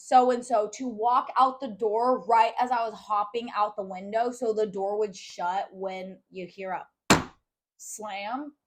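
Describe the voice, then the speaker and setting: A woman's voice: mid-range voice, steady tone, takes it slowly. Young woman on a podcast, rambling story, lots of likes, pretty casual. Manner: rambling, filler-heavy, with frequent "like". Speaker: podcast co-host.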